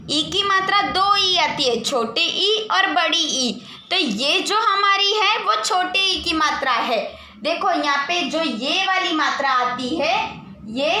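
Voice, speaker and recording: A woman's voice: extremely high pitch, bright, forceful tone, roomy sound. A woman teaching a Hindi lesson to young children, patiently spelling out letters one by one and asking the class questions, with a sing-song lilt at the ends of phrases. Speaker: primary school teacher.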